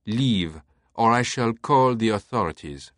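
A man's voice: lowish voice, expressive, measured pace, a bit bright, no echo, studio quality. A man voicing a stiff, formal male manservant guarding his master. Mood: stern.

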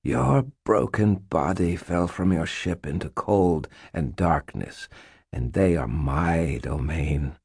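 A cold, imperious faerie queen, put on by a male reader purrs and hisses her words in a husky, unhurried way. Her lines sit higher than the reader's deep voice. The recording is close and dry. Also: darkish tone, no room sound, heavily acted. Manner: hissing, purring, regal and possessive. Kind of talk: audiobook narration.

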